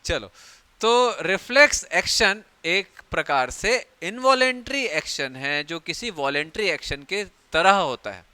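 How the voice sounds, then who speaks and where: A man's voice: high voice, expressive, a little slow, pushed and bright, clean tone, no room sound. A young man teaching biology in a chatty, joking classroom lecture, acting out everyday scenes.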